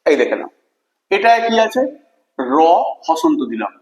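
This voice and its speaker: A man's voice: on the high side, big pitch swings, a little slow, darkish tone. A male teacher giving a classroom spelling lesson, asking questions and spelling words out letter by letter. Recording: echoey room with long reverb.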